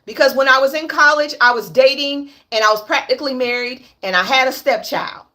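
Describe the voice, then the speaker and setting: A livestream host in her late thirties speaks fairly quickly in a high, sharp voice. Blunt and profane, she repeats her points to stress them.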